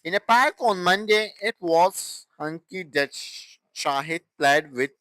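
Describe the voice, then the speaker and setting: A young man teaching an English grammar lesson, explaining slowly and deliberately and repeating example sentences. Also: high-pitched, expressive, fairly bright tone, no room sound, poor audio.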